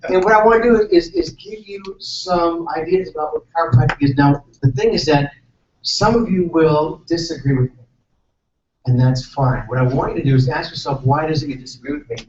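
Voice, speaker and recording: This man, a chiropractor from San Francisco, California, delivers an easygoing, self-deprecating seminar talk and asks his audience questions. His voice runs somewhat high and slightly mellow, at a fairly quick pace. A faraway mic in the echoey hall gives dull sound and faint noise.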